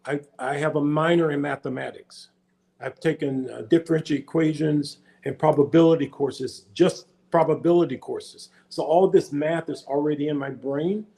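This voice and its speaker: An older man from the United States who talks as a podcast guest, with a gravelly, creaky voice that sits a little high. He rambles, repeating and restarting words as he goes. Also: steady tone, moderate pace, warm tone. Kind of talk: casual interview chat.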